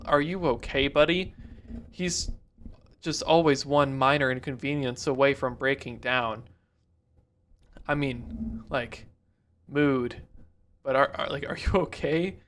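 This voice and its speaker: A man's voice: mid-range voice, fairly even intonation, takes it slowly, pauses often, fairly bright tone, slight background noise. A man hosting a reaction video, chatting casually, rambling, cutting himself off and cracking jokes. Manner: rambling, self-interrupting, jokey.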